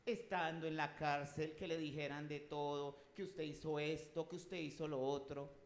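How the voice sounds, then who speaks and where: A man delivers a sermon in a somewhat high voice, growing loud and emphatic when he reads scripture aloud. He often asks the congregation questions. The room around him rings with echo. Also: level tone, normal speed. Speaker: preacher.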